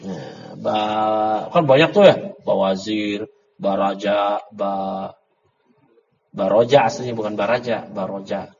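A man's voice: fairly low pitch, lively intonation, slow pace, long pauses, darkish tone. A middle-aged man teaching an Arabic grammar class in a casual, chatty way, quizzing his students and slipping in joking asides. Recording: dull lo-fi audio with long reverb and faint noise.

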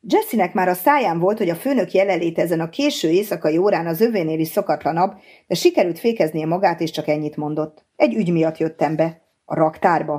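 A woman reading a novel aloud as an audiobook narrator, in an even, measured manner, giving the characters' lines in her own voice. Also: on the low side, husky.

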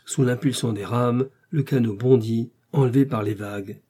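Brief: male narrator, mellow, slightly husky, measured audiobook read. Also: mid-range voice, steady tone. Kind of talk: audiobook reading of a novel.

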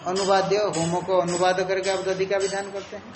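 A man with a high voice lectures on Sanskrit philosophy, going patiently step by step and circling back to repeat each key term. The room is echoey and reverberant, with a faint hum of background ambience. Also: completely flat delivery, fairly quick. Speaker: Sanskrit teacher.

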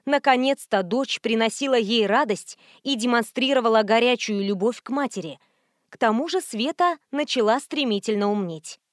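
A woman's voice: on the high side, moderate pace, no echo. Woman narrating in a dry, close sound. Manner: steady, even storytelling read. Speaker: audiobook narrator. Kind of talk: scripted narration.

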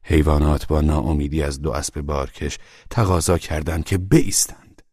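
A man narrating a storybook in a measured, grave, dramatic way. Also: a bass voice, steady tone, a little mellow, husky, no echo, studio quality. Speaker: audiobook narrator.

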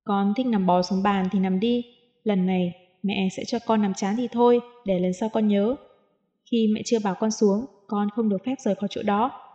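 A woman voicing a strict, calm mother in a storybook reading, speaking in a stern, measured way. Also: medium pitch, highs cut off, close to an everyday voice.

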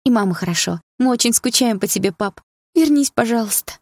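A woman's voice: mid-range voice, expressive, brisk, breathy edge, no room sound, voice pushed up. A woman reading a young woman who plaintively begs her dead father to return in a dream, in an audiobook. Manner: shy, plaintive.

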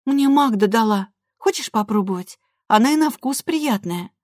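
In an audiobook, a woman voices an eager, defiant teenage girl who pleads and insists. She pitches her fairly high voice above her natural one while keeping it close to everyday speech, animated and slightly mellow at a normal pace. The recording is dry and clean, studio quality.

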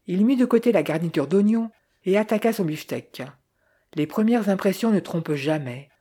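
A woman reading a novel aloud in measured, scripted audiobook narration. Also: medium pitch, warm tone, slightly rough.

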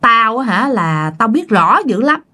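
A woman voicing a gossipy old village woman, speaking low and hushed. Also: big pitch swings, unhurried, full character voice. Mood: scolding.

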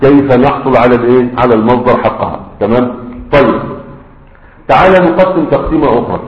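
Man, Egyptian Arabic accent, grammar teacher, patient step-by-step explaining, roomy echo, muffled lo-fi sound. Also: fairly high pitch. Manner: explains step by step, often checking understanding with asides. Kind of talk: classroom grammar lesson. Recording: roomy, dull lo-fi lecture recording.

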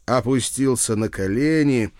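A man reading a first-person story aloud in a wry, expressive storytelling manner. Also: mid-range voice, measured pace, dry recording, clean studio sound. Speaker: audiobook reader. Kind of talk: first-person audiobook narration.

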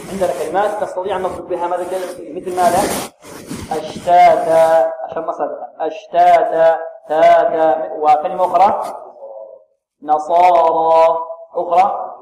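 A man teaching Quran recitation, quizzing his students and modelling slow, drawn-out pronunciations. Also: on the high side, dark tone. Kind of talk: tajweed lesson with students. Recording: echoey room, faint noise.

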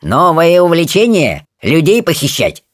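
A man voicing a grumpy male kobold craftsman who speaks in a gruff, commanding way. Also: on the high side, wildly swooping pitch, measured pace, no room sound, clean studio sound, pitched above the performer's own voice. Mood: stern.

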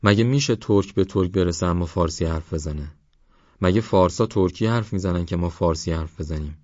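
A proud, short-tempered village schoolteacher lectures fervently about his people, voiced by a man reading an audiobook. The voice sits low and the sound is dry and slightly dull. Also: a little mellow, no room sound.

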